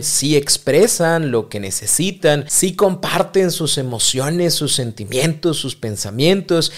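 A man with a Mexican accent hosting a podcast, talking straight to the listener and explaining ideas through small acted-out exchanges. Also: on the high side. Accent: Mexican Spanish. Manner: speaks directly to the listener and acts out little dialogues. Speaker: podcast host.

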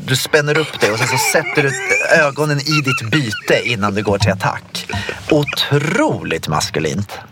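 A man chats casually on a podcast, teasing his co-host and spinning anecdotes. His pitch swings widely as he talks, sitting at a middling height. Faint background hiss sits under the voice. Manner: animated storyteller, playful teasing.

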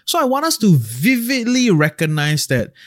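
A Singaporean man hosting a podcast, talking conversationally in an animated way with Singlish turns of phrase and frequent checking tags. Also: sits high, normal speed. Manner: animated, acts out imagined reactions, often tags points with "right?" and "okay?". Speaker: podcast host. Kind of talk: conversational podcast monologue with Singlish particles and slang.

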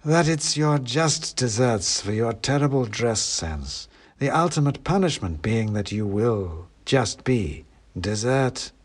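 A man voicing a sly, taunting giant male cat, speaking in a slow, throbbing, whispery voice as he reads an audiobook. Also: mid-range voice, big pitch swings, slightly rough, heavily acted. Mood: mocking. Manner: slow, drawn-out, mocking. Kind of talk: audiobook reading.

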